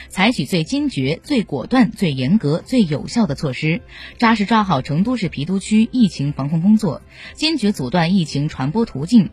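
Female newsreader, rough husky tone, formal scripted delivery, faint music. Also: on the low side, darkish tone. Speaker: news reader. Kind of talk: formal scripted news reading.

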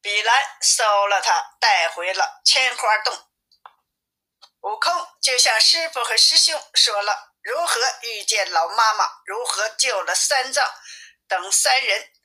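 A woman reading a classic tale aloud as a storyteller, in a plain, even manner. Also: fairly high pitch, slow pace.

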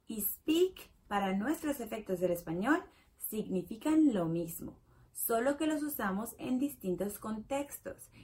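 A woman's voice: fairly high pitch, darkish tone. A woman teaching a basic English lesson in Spanish, patiently repeating each example and checking in with the viewer. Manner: says the English model sentences extra slowly.

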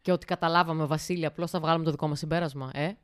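A woman's voice: low-pitched, fairly even intonation, smooth, no room sound, studio quality. A young woman from Larisa, hosting a podcast in casual chat, teasing and laughing often. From Larisa, Greece. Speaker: podcast host.

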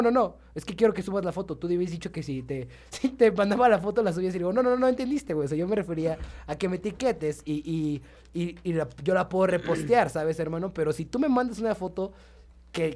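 A young man with a Mexican accent, telling slangy anecdotes in lively casual chat. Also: high voice.

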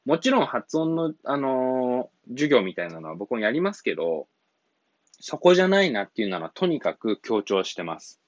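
A man's voice: mid-range voice, big pitch swings, moderate pace, dry recording, dull audio. A man hosting an English-coaching podcast, talking casually and rambling, often chuckling and apologizing as he loses his thread. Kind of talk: casual solo podcast talk.

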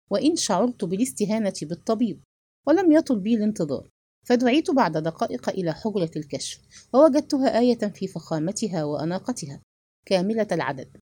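A woman narrating a first-person novel in an expressive, measured reading. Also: medium pitch, breathy edge, no room sound.

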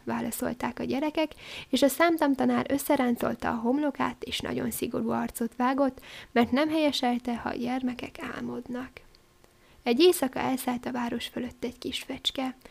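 A woman reading a fairy tale aloud in a soft, breathy storybook narration. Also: on the high side.

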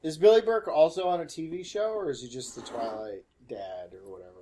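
A man joking his way through a casual film commentary, wry and deadpan, rambling into absurd bits. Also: a little high, brisk.

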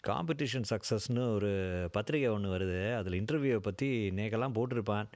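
A man putting on a nosy, high-pitched older neighbour. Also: moderate pace, a little mellow, no room sound, close to an everyday voice. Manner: prying, pushy questions.

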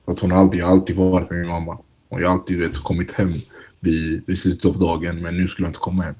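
A young man with a deep, husky voice talks loosely in a casual interview, scattering "you know" through his sentences and slipping into street slang. When he retells a scene from training, his voice climbs and he mimics the shouting, then he settles back into a low, unhurried drawl. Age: young adult. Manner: relaxed, animated when retelling, heavy "du vet" fillers and street slang. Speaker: youth football player, guest.

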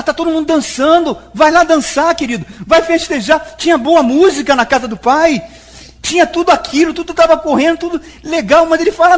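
High-voiced Brazilian pastor preaching emphatically. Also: male voice. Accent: Brazilian Portuguese. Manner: emphatic preaching, addresses the congregation directly; acts out quoted speech in dialogue. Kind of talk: sermon.

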